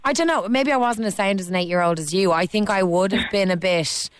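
An Irish woman hosts a phone-in radio show, chatting with callers, teasing them, and reading out texts from listeners. Her medium-pitched voice moves fairly quickly and smoothly through a studio mic, with clean sound and no room echo.

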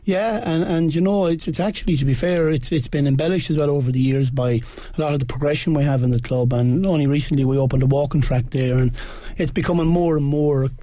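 Irish fella from the west, soft mellow voice, modest sports guest chatting away, very dry studio sound. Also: male voice, a little high, fast talker, hardly any pauses, no echo. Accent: west of Ireland. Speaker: sports guest, Gaelic football goalkeeper. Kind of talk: casual panel chat.

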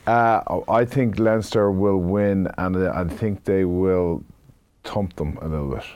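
Deep-voiced man in halting sports chat. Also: fairly even intonation, a little mellow, clean tone. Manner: halting, repetitive phrasing. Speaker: rugby pundit, player. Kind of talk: casual panel chat.

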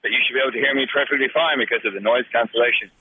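A man leaving quick, matter-of-fact voicemail messages over a clipped phone line through a headset. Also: mid-range voice, fairly even intonation. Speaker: tech contributor. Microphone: Bluetooth headset over the phone. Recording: tinny voicemail phone line with clear background noise.

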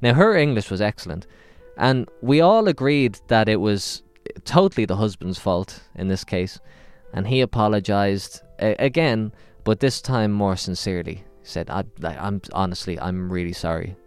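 A man spins a rambling comic tale in a low, smooth voice. He wanders off into deadpan asides and self-corrections. The sound is close and dry, with faint music underneath. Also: moderate pace, no echo. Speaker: podcast host. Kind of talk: comic storytelling monologue.

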